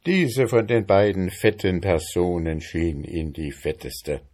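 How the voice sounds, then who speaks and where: A man narrating a storybook tale aloud in a calm, measured way. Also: low voice. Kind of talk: storybook reading.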